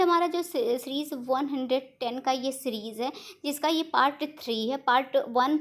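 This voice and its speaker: A woman teaching an online exam-prep lesson, explaining step by step in Hindi mixed with English terms and correcting herself as she goes. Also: sits high.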